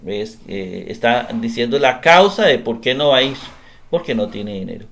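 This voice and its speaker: A man giving a recorded grammar class, explaining step by step, often pausing with "eh" and checking in with "¿verdad?". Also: mid-range voice, animated, gravelly, fairly bright tone, slight background noise. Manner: explanatory, repeats tag question "¿verdad?", frequent hesitations. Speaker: grammar teacher.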